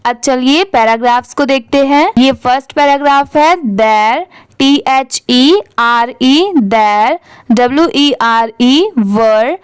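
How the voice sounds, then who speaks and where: A woman's voice: high-pitched, slow, smooth, dry recording. A young woman teaching English reading, spelling each word out letter by letter and checking in often with her students.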